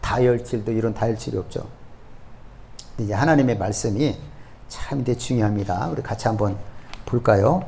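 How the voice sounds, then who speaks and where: A man preaching a sermon as pastor, switching between measured scripture reading and lively acted-out quotes, often checking in with the congregation. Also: fairly low pitch, gravelly, a little hiss or hum. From South Korea.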